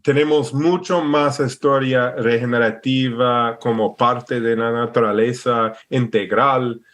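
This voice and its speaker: A man from Alaska, USA, speaks Spanish with an American English accent as a podcast guest in a casual interview. He hesitates, hunts for words, and restarts often. His mid-range voice is steady and fairly bright, and he takes things slowly.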